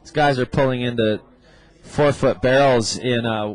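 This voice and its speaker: A man's voice: mid-range voice, fairly even intonation, moderate pace, low-quality recording. A man commentating live on a surf contest as an announcer, in a conversational way with casual surfer slang.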